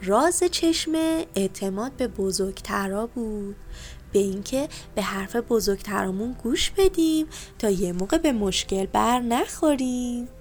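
A woman narrating a children's bedtime story, speaking gently and addressing the children directly. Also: fairly high pitch, animated, faint music behind.

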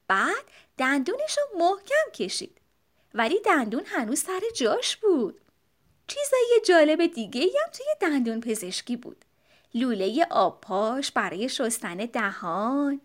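An expressive, high-voiced woman reading a children's storybook aloud. Her pitch moves a lot, keeping the narration gently animated. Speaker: audiobook narrator.

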